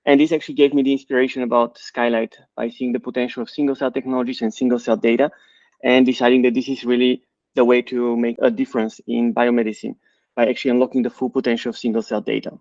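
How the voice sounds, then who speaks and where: Middle-aged man from Bulgaria, CEO, explanatory and measured, dry slightly dull recording. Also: medium pitch, flat delivery, a little mellow, dry recording. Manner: measured, explanatory, with frequent fillers. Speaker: company CEO and co-founder. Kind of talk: interview answers.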